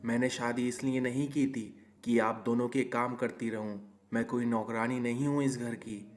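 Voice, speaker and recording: A man voicing a quick-tempered young newlywed wife in a cartoon story, indignant and complaining. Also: medium pitch, steady tone, soft background music, close to an everyday voice. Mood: angry.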